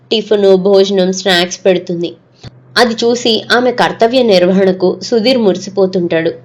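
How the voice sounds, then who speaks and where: Brief: woman storyteller, steady and measured, mid-pitched. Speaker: narrator. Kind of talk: audio story narration.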